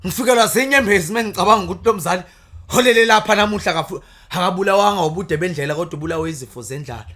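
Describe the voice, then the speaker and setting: Rapid-fire impassioned Zulu praise poet, a man. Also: sits high, pushed and bright. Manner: declamatory, impassioned, rapid torrents of verse. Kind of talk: spoken-word praise poetry recital.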